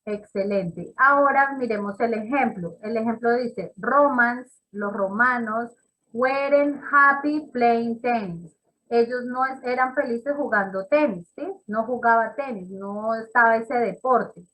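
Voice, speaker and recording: Slow, encouraging woman teacher. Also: fairly high pitch, fairly bright tone, low-quality recording. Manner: encouraging, praises students by name; slow and explanatory, repeats examples. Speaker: English teacher. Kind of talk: classroom teaching.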